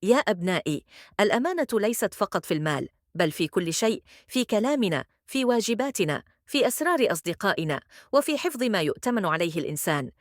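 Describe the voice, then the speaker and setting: A woman voicing a kind, gentle female schoolteacher in a children's story, speaking in an encouraging, praising tone. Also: medium pitch, sing-song, fast, no echo, studio quality, natural voice. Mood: gently encouraging. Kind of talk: storybook character voice.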